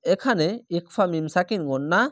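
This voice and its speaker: A man's voice: high-pitched, expressive, a bit bright, no echo, studio quality. Bengali-accented man teaching Quran reading. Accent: Bangladeshi Bengali. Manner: explains rules plainly, then chants slow drawn-out recitation examples. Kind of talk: spelled-out Quran recitation lesson.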